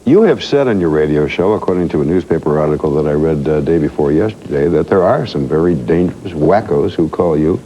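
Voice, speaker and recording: A man reading television news and then hosting a studio interview in a measured, formal manner. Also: rumbling low, dark tone, a little hiss or hum. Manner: measured, formal newsreader delivery. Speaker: TV news anchor and talk show host. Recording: dull lo-fi 1990s TV audio.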